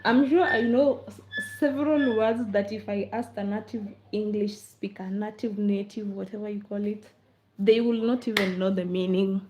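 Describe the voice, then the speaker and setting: A woman's voice: medium pitch, fairly even intonation, normal speed, background noise. A woman chatting casually on a livestream, answering comments in a playful, teasing way and laughing often. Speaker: livestream host. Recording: dull lo-fi livestream audio.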